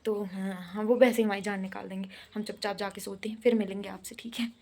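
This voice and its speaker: A woman's voice: medium pitch, fairly even intonation, fast talker, mellow. A young woman who is unwell, chatting playfully in a casual home vlog, laughing often. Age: young adult. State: unwell with a fever. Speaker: vlogger. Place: family home, indoors and outdoors.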